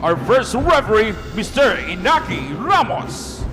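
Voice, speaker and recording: High-pitched male hype arena announcer, booming reverb. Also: very animated. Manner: projected, drawn-out formal introductions of names. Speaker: venue announcer. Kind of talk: hyped arena announcing, like a fighting game announcer. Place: large indoor sports venue over the PA. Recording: long hall reverb, music.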